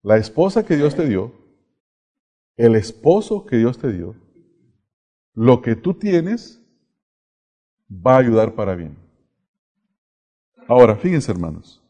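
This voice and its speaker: A man's voice: medium pitch, very animated, slow pace, pauses often, mellow. A man preaching a sermon as a pastor, asking rhetorical questions and letting his voice rise and fall. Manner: rising and falling preaching cadence, rhetorical questions.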